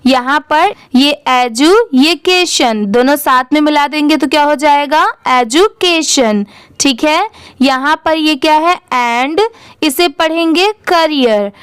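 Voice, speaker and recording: A woman's voice: sits high, unhurried, dry recording, clean studio sound. A woman teaching English reading, spelling words out letter by letter and asking questions as she goes.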